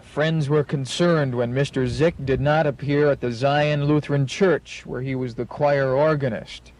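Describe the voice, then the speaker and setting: A man's voice: a little high, poor audio. Man reporting in an old newsreel. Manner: formal broadcast delivery. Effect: old newsreel audio. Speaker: TV news reporter.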